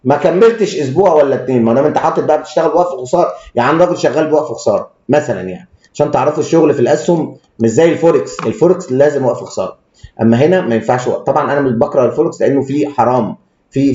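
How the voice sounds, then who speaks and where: A man's voice: medium pitch, racing, dark tone. A man with an Egyptian Arabic accent giving blunt, crude stock market commentary and stumbling over frequent restarts. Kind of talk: rapid technical market commentary. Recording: echoey room, dull lo-fi sound.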